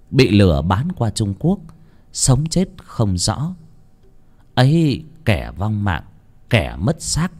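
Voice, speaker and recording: A man narrating a folk tale in an expressive way. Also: fairly low pitch. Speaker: storyteller. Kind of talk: dramatic story narration.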